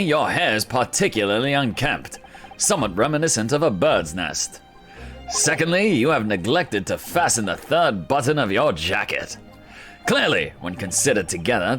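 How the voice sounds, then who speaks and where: A man voicing a grandiose, self-satisfied detective from a video game in a florid, deliberate manner. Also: medium pitch, sing-song, a bit bright, faint music behind. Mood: smug, explaining. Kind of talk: playful voice acting of game dialogue.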